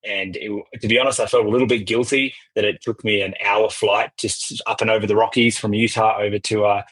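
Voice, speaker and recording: A man's voice: fairly low pitch, level tone, fairly quick, fairly bright tone, slightly rough, low-quality recording. A middle-aged man with an Australian accent, speaking as a guest in a podcast interview, talkative and prone to restarting his sentences. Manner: talkative, many restarts and repeated words. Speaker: guest, cybersecurity vendor executive.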